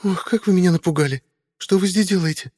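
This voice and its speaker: A man reading a storybook voices a young woman, nervous and suspicious, with high questioning speech. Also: fast talker, dark tone, breathy edge, long reverb tail.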